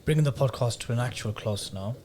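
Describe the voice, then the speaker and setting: A man's voice: medium pitch, quick pace, a little mellow, slight background noise. A man in casual podcast banter, slangy and emphatic, repeating his phrases.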